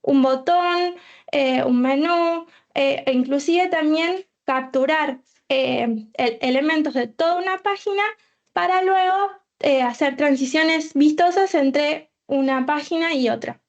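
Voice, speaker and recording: A woman's voice: high voice, a little slow, lo-fi sound. A woman from Argentina with an Argentine Spanish accent, a full stack developer giving a tech talk, hesitant and full of filler sounds.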